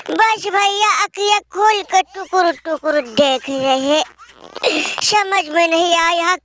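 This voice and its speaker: A woman's voice: very high-pitched, a bit bright, no room sound, exaggerated voice. A woman voicing a melodramatic rustic village friend who wails and laments, in a comic cartoon.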